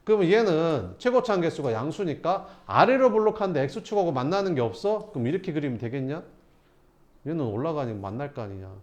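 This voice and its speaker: A man's voice: fairly high pitch, big pitch swings, a little fast, darkish tone. A man teaching math to students, asking rhetorical questions and answering them himself. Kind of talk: lecturing students through problems.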